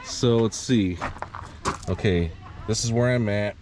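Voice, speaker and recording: A man's voice: lowish voice, slow, background noise. A man with a Midwestern American accent, chatting casually and rambling with chuckles as he hikes a wooded trail, a little out of breath. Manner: rambling, chuckling, hedging with fillers. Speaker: hiking vlogger. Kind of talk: casual vlog narration while hiking. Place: outdoors on a wooded hiking trail.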